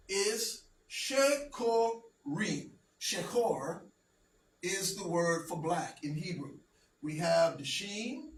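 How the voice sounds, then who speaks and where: A man leads a classroom lesson in a high, slow, deliberate voice, pausing often to check that his students follow. He is recorded from a distance in an echoey room with a faint hum of noise behind him. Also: a bit bright. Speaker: teacher.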